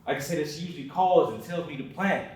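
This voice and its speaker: A man's voice: a little high, fast, a little mellow, natural voice. A young man acting a monologue as a separated father full of regret, confessing in a brooding, profane way. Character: remorseful separated father who missed son's birthday. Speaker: student actor. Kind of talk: dramatic monologue. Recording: very echoey room, mic far off.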